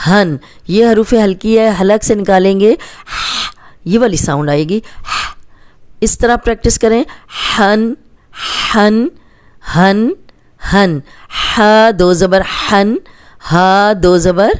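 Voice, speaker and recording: A woman's voice: on the low side, a little mellow, clear, resonant tone. Patient woman drilling letter sounds. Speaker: Quran recitation teacher. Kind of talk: slow spelled-out phonics lesson.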